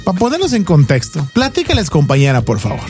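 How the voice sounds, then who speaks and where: A man's voice: a little high, wildly swooping pitch, a little fast, darkish tone, faint music behind. A man with a northern Mexican accent hosting a radio show in playful, informal banter full of colloquial slang.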